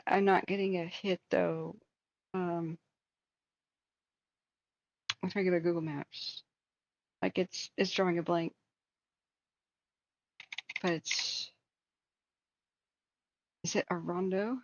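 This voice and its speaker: Low, gravelly woman livestreaming. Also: level tone, slow pace, long pauses, lo-fi sound, slight background noise. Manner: thinking aloud, conversational. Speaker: livestream host. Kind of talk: casual live wildfire-tracking commentary.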